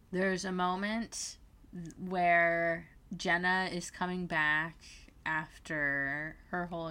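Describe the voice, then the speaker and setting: A woman's voice: low-pitched, fairly bright tone, clean tone. A woman hosting a casual fan podcast, chatty and laughing as she retells scenes. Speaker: podcast host.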